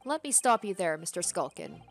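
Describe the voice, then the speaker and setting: A woman's voice: fairly low pitch, very animated, fairly quick, gravelly, faint music behind, exaggerated voice. Woman reading as an earnest young male lawyer. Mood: probing. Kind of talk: video game character read-aloud.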